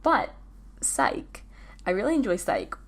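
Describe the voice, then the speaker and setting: With a mid-range voice, big swings in pitch, and a slow pace, a US teen hosts her own podcast alone. She rambles, uses lots of filler words, and keeps interrupting herself.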